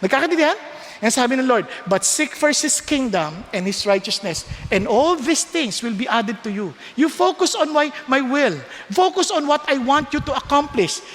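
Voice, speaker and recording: A man's voice: very high-pitched, animated, normal speed, a bit bright, big-room sound. An older male pastor preaching a sermon, mixing languages and checking in with the congregation with frequent questions. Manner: preaching in mixed Tagalog and English, with questions to the congregation.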